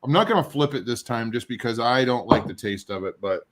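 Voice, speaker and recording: A man's voice: mid-range voice, animated, fairly bright tone. Rambling middle-aged man with a runny nose. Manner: rambling, halting, self-deprecating. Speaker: show host. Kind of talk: casual chat while tasting hot sauce.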